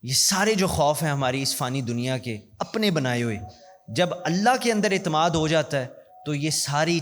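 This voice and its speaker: A man giving an earnest inspirational speech as a guest speaker at a university, telling a story and slowing down for emphasis. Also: medium pitch. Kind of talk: inspirational speech mixing in English. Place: large university hall. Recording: long hall reverb.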